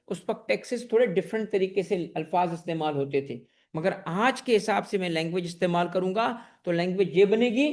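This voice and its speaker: A high-voiced man leads an exam-prep tax class that's also streamed online. He fires questions at his students, answers them himself, addresses them fondly, and keeps repeating the key points.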